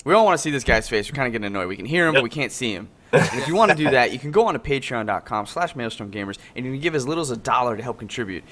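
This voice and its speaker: A man's voice: lively intonation, rapid-fire, a bit bright. A man hosting an online panel show in a casual, informal, rambling way over a group call. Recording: noisy, low background rumble.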